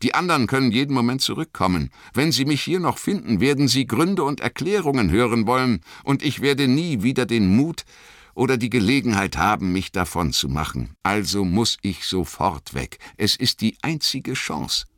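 A man voicing a gentle, earnest male hobbit master who speaks calmly and kindly. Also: low-pitched, measured pace, hardly any pauses, dry recording, clean studio sound, heavily acted. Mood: urgent. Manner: calm, kindly, urgent at times.

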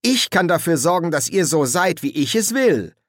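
Man voicing a high, eager young boy for an audiobook, dry close sound. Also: very animated, measured pace, no room sound. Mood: condescending. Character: boy leader, eager, turning commanding then frantic.

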